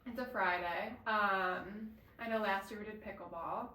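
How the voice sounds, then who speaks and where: Woman, 30s, from Illinois, podcast co-host; lively storyteller, echoey room, distant mic. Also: medium pitch, unhurried, slight background noise. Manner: animated, laughing storyteller. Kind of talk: casual chat, storytelling. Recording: roomy echo, mic at a distance.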